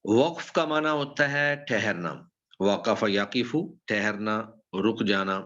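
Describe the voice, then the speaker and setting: Man teaching slowly in a dull recording. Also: fairly low pitch, a bit bright. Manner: slow explanatory, stresses example phrases. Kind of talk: classroom lecture on Quran recitation.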